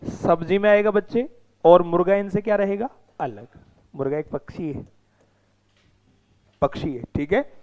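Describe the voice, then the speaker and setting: A man's voice: high voice, unhurried, long pauses, a little mellow, muffled recording. A man teaching a class, mixing the lesson with teasing and scolding of his students. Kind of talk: classroom lecture with banter.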